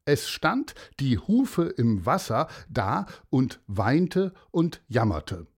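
A storyteller reading a children's story aloud with an expressive delivery. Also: mid-range voice, very slow, breathy edge.

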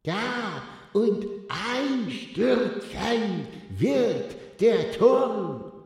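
A spooky ghost floats through a lighthouse in a children's audio story, uttering slow, drawn-out threats in a high, swooping voice. The voice rings in heavy echo with a long reverb tail. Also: male voice, very animated, vocal fry, a little mellow, soft background music, full character voice. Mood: menacing. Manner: slow, drawn-out menacing threats with eerie laughter.

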